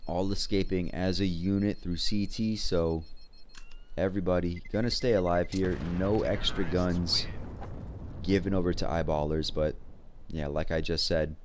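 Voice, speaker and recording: Deep-voiced man casting esports, informal. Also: steady tone, measured pace, slight background noise. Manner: informal, conversational. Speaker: esports caster. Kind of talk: live play-by-play game commentary.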